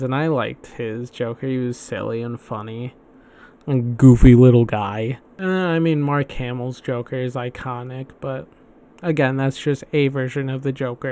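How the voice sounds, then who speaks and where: A man's voice: mid-range voice, a little mellow. A man hosting a solo podcast, chatting casually and rambling, swearing and restarting his sentences often. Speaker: podcast host.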